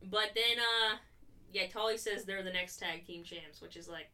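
A woman co-hosts in loose, profane chat, her voice bright and edged. She leans sarcastic and laughs a lot. She sits a little back from the microphone, so the sound is slightly distant. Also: mid-range voice, normal speed. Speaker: podcast co-host reviewing wrestling. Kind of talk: casual chat.

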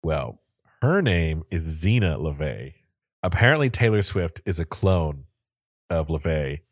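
A man's voice: extremely low pitch, very animated, measured pace, no room sound, clean studio sound. A young man hosting a casual podcast chat, rambling with lots of fillers and frequent laughter. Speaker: podcast host.

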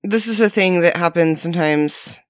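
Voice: medium pitch, normal speed, no room sound, clean studio sound. A podcast co-host in casual chat, critical of what they watched, hedging often with "like".

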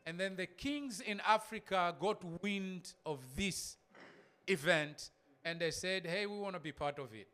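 A man's voice: high voice, a little slow, sharp tone, clear, resonant tone. A man from Zambia, a missionary guest speaker, giving a casual church talk with pictures, repeating words and laughing in asides.

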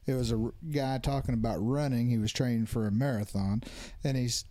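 A man's voice: mid-range voice, fairly even intonation, a little fast, dark tone. A man co-hosting a church men's podcast, telling a story in a plain, folksy way. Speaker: podcast co-host. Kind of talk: casual storytelling.

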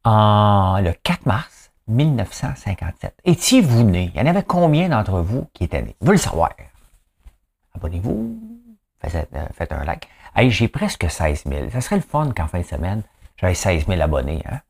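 A man's voice: on the low side, big pitch swings, normal speed, creaky, darkish tone. A man with a Quebec French accent talking to the camera in a rambling, joking, self-mocking way. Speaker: vlogger. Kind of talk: casual solo commentary to camera. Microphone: camera mic.

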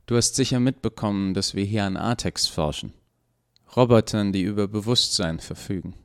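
A man's voice: lowish voice, moderate pace, clear, resonant tone, no room sound, clean studio sound, natural voice. A man playing an awkward, evasive male research doctor who hesitates with many ums.

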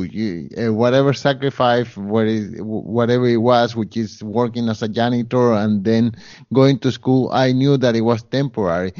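A Spanish-accented man speaks earnestly as a guest in an interview conversation, with many fillers and restarts. His medium-pitched voice is a little mellow, and the audio is dull with no room sound.

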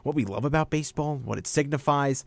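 A man's voice: on the high side, quick pace, creaky, dry recording. Laid-back young man, college radio sports host. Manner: relaxed, laid-back, says "man" and "dude" often. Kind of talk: casual sports talk.

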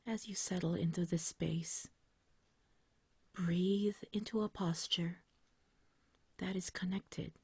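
A woman guiding a meditation like a sleep story narrator, in a soft, whispery, breathy voice with a gentle, soothing, unhurried manner. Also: lowish voice, no echo. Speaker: meditation guide.

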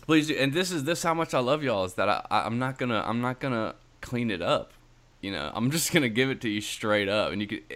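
A man's voice: medium pitch, expressive, quick pace, fairly bright tone. A man co-hosting a podcast in casual banter, rambling with frequent restarts and laughs. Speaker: podcast co-host.

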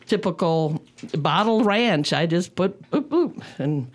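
A woman's voice: on the low side, lively intonation, slow pace. A woman talking as a guest cook on a radio show, chatty and rambling in casual conversation. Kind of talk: casual studio chat.

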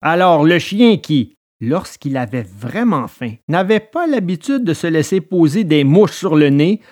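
A man narrating a children's storybook episode with expressive delivery. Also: on the high side, unhurried. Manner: expressive, lively. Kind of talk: storybook reading.

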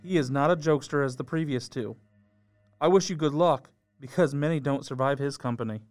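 A man voicing an unseen spirit who speaks in hushed, quick, ominous warnings. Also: a little high, no room sound, faint music behind, voice pushed down, close to an everyday voice. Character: unseen ghostly spirit, calm and solemn.

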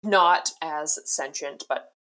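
A young woman co-hosting a podcast, chatting casually with a wry, animated manner and many fillers. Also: low-pitched, takes it slowly. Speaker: podcast co-host. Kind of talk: casual chat.

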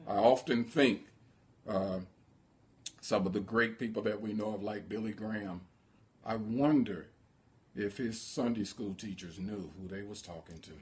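A pastor delivers an impassioned sermon, his somewhat low voice moving a little slowly as the congregation calls back in response.

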